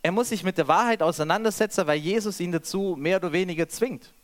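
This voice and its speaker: Male preacher, higher voice, reads scripture then preaches freely. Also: fast talker. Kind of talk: sermon with scripture reading.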